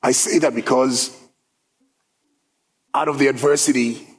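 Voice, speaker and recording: Husky upbeat man telling his story. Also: mid-range voice, steady tone, measured pace, poor audio. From South Sudan. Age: 30s. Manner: upbeat, conversational, with filler words. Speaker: guest speaker. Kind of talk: personal story talk. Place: event hall.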